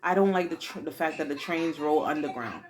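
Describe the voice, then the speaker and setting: A Haitian-accented woman in her forties answers her daughter's questions in a casual, expressive chat full of dramatic exclamations. Her voice is deep and fairly quick, with slight background noise.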